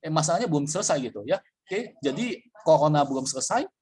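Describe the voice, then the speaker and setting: A man's voice: fairly high pitch, lively intonation, fast, a little mellow. A man presenting a casual trading webinar, chatty, with frequent fillers and checks that the listener follows.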